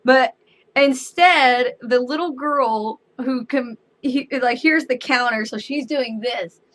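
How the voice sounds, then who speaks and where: A woman's voice: high-pitched, slow, fairly bright tone. A young adult woman who works as a store cashier, chatting animatedly and acting out dialogue in a casual storytelling vlog.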